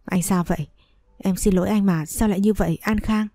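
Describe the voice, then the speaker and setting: A woman's voice: mid-range voice, fairly even intonation, brisk, dark tone, no echo, clean studio sound, close to an everyday voice. A woman voicing an upset young wife who speaks sharply and tearfully in a read-aloud story. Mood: panicked. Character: hurt, angry young pregnant wife.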